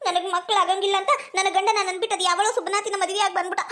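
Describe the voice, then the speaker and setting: Woman playing a weepy, very high-voiced village woman. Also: little pitch movement, rapid-fire, fairly bright tone. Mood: tearful. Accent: North Karnataka Kannada. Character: tearful, food-loving young village woman.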